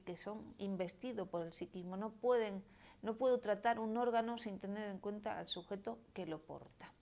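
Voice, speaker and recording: This Spanish psychoanalyst, a woman in her forties with a Málaga accent, reads viewers' comments aloud during a live stream and responds while explaining ideas. She speaks at a middle pitch with a dark tone, in an explanatory manner, frequently closing phrases with a questioning "¿no?".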